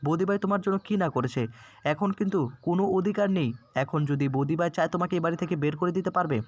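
A man's voice: on the high side, fast talker, muffled recording, natural voice. A man voicing a reproachful grown daughter. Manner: pleading, reproachful. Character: grown daughter ashamed of her mother.

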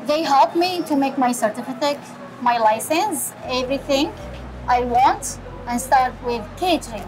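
A middle-aged woman chef with a Syrian accent, answering interview questions in halting English with many pauses, in a small restaurant kitchen. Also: high voice, expressive, a crowd in the background, low-quality recording. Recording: background music.

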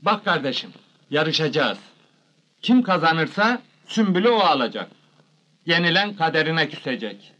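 A man's voice: fairly high pitch, very animated, normal speed, pauses often, sharp tone, full character voice, poor audio. An actor playing a cheeky young village man in a film comedy, emphatic and teasing. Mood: cool, teasing. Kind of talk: Turkish film comedy acting.

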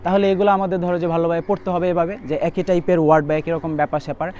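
Fast-talking young tutor, man. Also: fairly high pitch, steady tone, warm tone, muffled recording, slight background noise. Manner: rapid, repetitive drilling of word lists. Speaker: English tutor. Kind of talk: admission test vocabulary lesson.

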